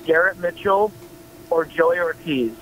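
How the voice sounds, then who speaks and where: A young male caller comes through a muffled phone connection that sounds faint and underwater, with clear hiss behind him. His voice sits a little high. He rambles hesitantly with ums and restarts. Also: a little slow, fairly bright tone. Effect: muffled phone call heard over the studio, faint and underwater-sounding. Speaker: caller to a radio show. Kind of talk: casual call-in chat. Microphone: phone or headset on a call. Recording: noisy, muffled phone line.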